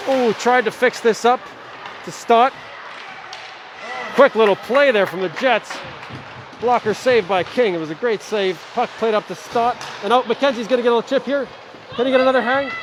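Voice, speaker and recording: Steady rink noise comes through clearly as a middle-aged amateur commentator calls a hockey game live. His fairly high voice moves through quick play-by-play, and between plays he drops easygoing, friendly remarks.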